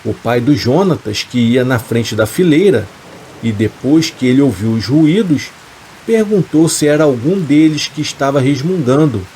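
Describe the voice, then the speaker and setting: A man, calmly reading a scripted horror story in a steady, measured way. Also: medium pitch, slight background noise, low-quality recording. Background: rain.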